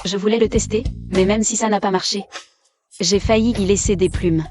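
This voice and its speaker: A woman's voice: medium pitch, fairly even intonation, moderate pace, lightly acted. Woman acting a sister in a family drama. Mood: resentful. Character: young sister in a wealthy family. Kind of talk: dubbed short-drama dialogue. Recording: music behind the voice.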